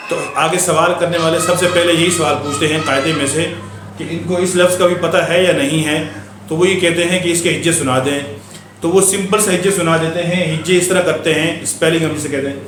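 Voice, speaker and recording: A man teaching Quran recitation in a patient manner, explaining the rules and drawling syllables in a chanting voice. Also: fairly high pitch. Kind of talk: explaining tajweed with chanted spelling. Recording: echoey room with faint hum.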